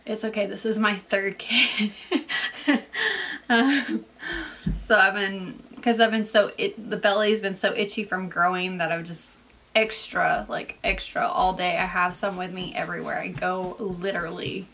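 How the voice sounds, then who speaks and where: Breathless, chatty young woman with a bright voice. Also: fairly low pitch, steady tone, unhurried, vocal fry. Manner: chatty and rambling, full of "like" fillers. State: congested from sinus allergies. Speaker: vlogger. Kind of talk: casual pregnancy update vlog.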